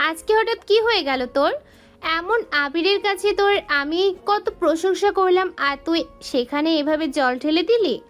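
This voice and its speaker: An earnest young wife, played by a woman in an audio love-story drama. Her voice sits high and she talks in an explaining, pleading way, with soft music behind her.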